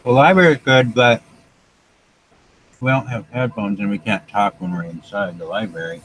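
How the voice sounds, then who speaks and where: A man's voice: lowish voice, moderate pace, fairly bright tone, slight background noise, poor audio. A man chatting casually on a live stream from beside his van, rambling and restarting his sentences. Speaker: vlogger co-host. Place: outside by their van.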